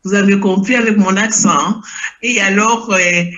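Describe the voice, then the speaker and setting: A woman's voice: mid-range voice, steady tone, moderate pace, a bit bright, dull audio. An older woman giving an emotional spoken testimony, hesitant and repeating herself as she searches for words. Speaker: testifying church member. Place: lives in Belgium.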